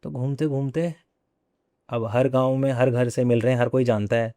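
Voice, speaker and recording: A man's voice: mid-range voice, fairly even intonation, mellow, dry recording, studio quality. A young man, a podcast guest, telling a personal ghost story in a casual way and often repeating his phrases. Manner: repeats phrases, conversational and unhurried.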